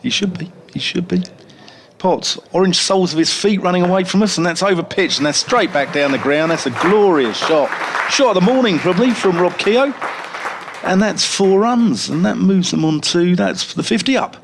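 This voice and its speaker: A man commentating on a cricket match with a slightly high, gravelly voice. He fills the gaps between deliveries with rambling, jokey chat. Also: animated, moderate pace, a faint crowd.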